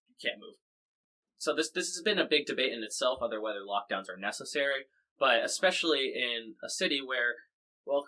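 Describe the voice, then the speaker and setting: A man's voice: medium pitch, bright, forceful tone, rough recording. An American man hosting a podcast, covering the news in casual, wry chat full of fillers and restarts. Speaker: podcast host.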